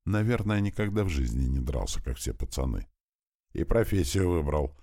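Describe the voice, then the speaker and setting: A man's voice: very deep voice, sing-song, moderate pace, dark tone. A man reading a first-person audiobook in a dry, sardonic storytelling manner. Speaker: audiobook narrator.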